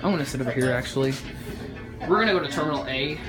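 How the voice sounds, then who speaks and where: A vlogger talks casually in a medium-pitched voice, commenting off the cuff. Loud music and vehicle sounds fill the train car around the voice. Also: rapid-fire, echoey room. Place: inside an airport train car.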